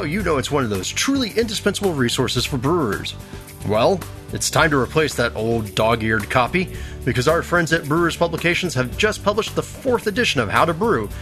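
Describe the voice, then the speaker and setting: Upbeat podcast host, lively male voice. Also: on the high side. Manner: upbeat, quick asides with uh fillers. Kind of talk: casual podcast hosting and read ads.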